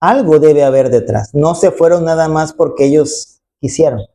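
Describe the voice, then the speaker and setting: A mellow, mid-range voice at a normal speed belongs to a preacher delivering an emphatic sermon in church. He keeps tagging on rhetorical questions and acts out the voices of people he quotes.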